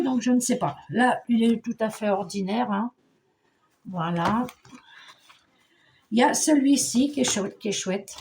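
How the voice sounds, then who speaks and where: A woman's voice: a little high, darkish tone, a little hiss or hum. A middle-aged woman from Paris chatting casually about her craft haul, hesitant, with many fillers and restarts. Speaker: scrapbooking vlogger. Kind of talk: casual show-and-tell chat.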